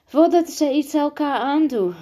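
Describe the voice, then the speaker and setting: A woman reading a storybook aloud and voicing a bold, quick-witted young girl with urgent, breathless calls. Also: fairly low pitch, darkish tone. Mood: alarmed.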